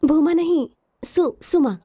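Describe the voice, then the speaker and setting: A woman's voice: high-pitched, sing-song, fairly quick, darkish tone. A woman voicing a spirited young medical student in a film dub. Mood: polite. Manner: spirited, touchy about her name.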